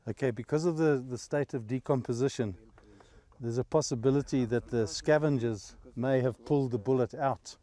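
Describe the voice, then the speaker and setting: A man's voice: mid-range voice, normal speed, mellow. A man explaining things off the cuff as a park security chief. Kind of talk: unscripted interview explanation.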